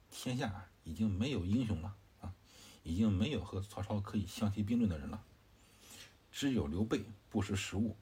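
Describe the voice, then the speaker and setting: A man's voice: low voice, darkish tone, slightly rough. A man doing a sly, needling strategist.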